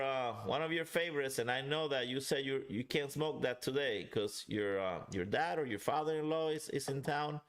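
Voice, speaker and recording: A man's voice: fairly high pitch, a bit bright. A man hosting a casual live review and chat, talking directly to viewers in a chatty way. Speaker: livestream host and pipe reviewer.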